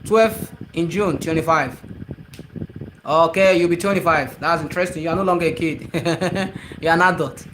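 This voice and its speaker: A man's voice: on the high side, normal speed, noisy background. A Nigerian man whose first language is Igbo hosts a casual live stream, repeating himself as he reads out and answers viewers' comments.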